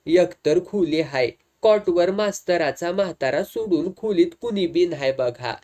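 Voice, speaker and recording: An easygoing, talkative village man with a slightly raised voice and slow, drawling rural speech, voiced by a male storyteller. He is part of a told comic story. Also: a little high, dark tone, close to an everyday voice. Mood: casual. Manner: homely rural dialect, talkative.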